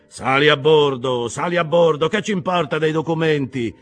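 A man voicing a gruff old whaling captain with a harsh, loud, shouting manner. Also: normal speed, natural voice. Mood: booming. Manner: booming, exclamatory.

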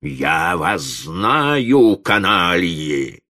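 A man doing a pompous, booming fat doctor. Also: sing-song, measured pace, bright, forceful tone, slightly rough, heavily acted. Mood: threatening. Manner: condescending, booming bass. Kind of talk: audiobook narration.

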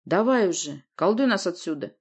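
A woman's voice: on the low side, animated, normal speed, a little mellow, husky. A woman voicing a spiteful, scheming male dwarf prince who talks snidely. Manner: snide, sneering.

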